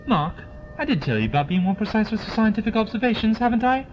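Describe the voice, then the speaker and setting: A man's voice: sits high, animated, quick pace. A man playing an eccentric, genial alien scientist in an audio drama, with theatrical, wordy politeness. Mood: confident, explaining. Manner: theatrical, whimsical, old-fashioned wordy politeness. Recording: dull lo-fi with loud music behind.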